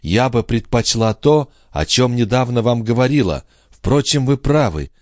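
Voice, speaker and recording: Man voicing a high, impassioned queen. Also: expressive, moderate pace, no room sound, clean studio sound, lightly acted. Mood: wistful. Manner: breathless, pleading, emotional. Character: proud anguished queen, a woman in love. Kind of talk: audiobook character voice.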